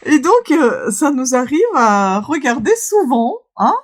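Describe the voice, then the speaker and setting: A woman's voice: high-pitched, very animated, unhurried. A tired woman vlogger chatting casually, rambling with many fillers and restarts. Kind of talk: casual vlog chat.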